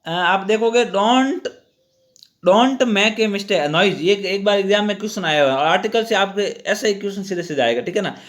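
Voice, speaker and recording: A high-pitched man walks students through an exam-prep lesson. He explains step by step, keeps quizzing the class and often stops to correct himself mid-sentence. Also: fast, hardly any pauses, a bit bright. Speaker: teacher.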